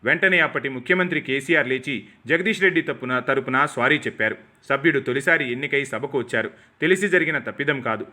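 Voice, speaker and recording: A man reading scripted political news commentary in short, formal, measured sentences. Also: medium pitch, bright, forceful tone. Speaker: news narrator.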